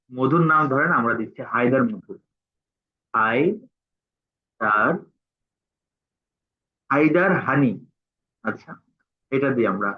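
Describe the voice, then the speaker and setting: A man, teaching a tutorial and dictating word by word as he types. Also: mid-range voice. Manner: halting, dictates word by word while typing. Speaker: instructor. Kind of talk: screen-recorded tutorial. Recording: tinny phone-like sound.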